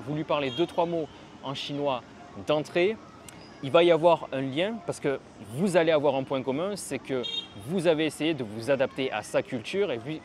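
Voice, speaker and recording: A man talking casually and bluntly to camera outdoors on a city street, teaching Mandarin learners, with some swearing. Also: medium pitch. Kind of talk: casual vlog talk to camera. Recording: street traffic noise behind.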